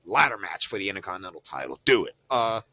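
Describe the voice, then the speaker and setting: Deep-voiced man recapping wrestling casually. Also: big pitch swings, quick pace, pushed and bright, slight background noise. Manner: loose and profane, lots of fillers. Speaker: podcast co-host.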